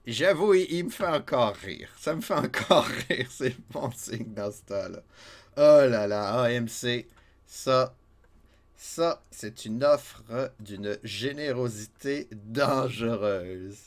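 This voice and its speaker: A man with a Québécois accent chats casually through a game stream in a middle-pitched voice. He is self-mocking and laughs often. A slight stuffiness from a cold lingers in his voice. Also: expressive, slow pace. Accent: Québécois French.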